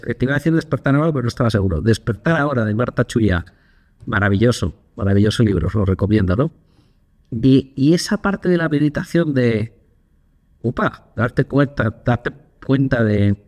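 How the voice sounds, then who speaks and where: Man, podcast co-host, casual chat, animated, acts out quotes. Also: medium pitch.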